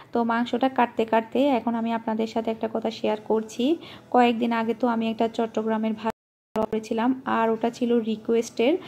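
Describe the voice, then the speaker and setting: A woman vlogger from Bangladesh chats casually while cooking in her home kitchen, homely and rambling with frequent fillers. Her voice is on the high side with a dark tone.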